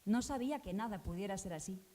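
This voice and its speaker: A woman's voice: medium pitch, lively intonation, fast, mellow, close to an everyday voice. A woman voicing Valentina, a poor village girl remembering her childhood, in a breathless, childlike theatre reading. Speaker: actor in a stage reading.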